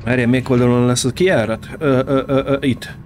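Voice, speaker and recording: A man hosting a gaming channel, giving casual let's-play commentary, excitable, swearing and taunting the enemies on screen. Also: mid-range voice, noisy background.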